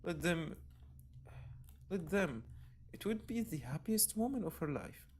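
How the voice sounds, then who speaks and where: A man's voice: high-pitched, big pitch swings, measured pace, a little mellow, a little hiss or hum. A man streaming a visual novel, reading the text aloud with dramatic, emotional reactions. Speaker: game streamer.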